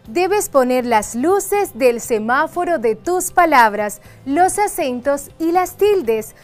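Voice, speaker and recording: A woman teacher giving a scripted lesson, slowly stressing and repeating key phrases. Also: high voice. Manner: slow, drawn-out repetition of key phrases. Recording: faint background music.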